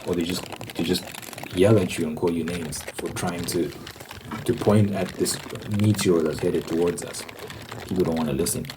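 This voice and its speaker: A man hosts an ASMR video, rambling casually through an informal monologue and repeating phrases for emphasis. His voice is low with fairly even intonation and normal speed, and clear typing and crinkling noises are audible.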